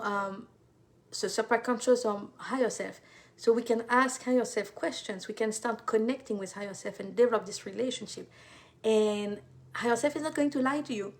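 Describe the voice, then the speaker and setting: A French woman with a French accent and a slightly high voice talks casually to viewers as an intuitive life coach. Her speech is full of fillers and repeated words.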